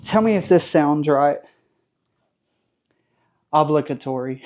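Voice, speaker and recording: This car restoration vlogger, a man in his thirties with a Southern accent, jokes self-deprecatingly and chats as he works on a truck in his home garage. He speaks at a measured pace in a slightly high, a little mellow voice with fairly even intonation.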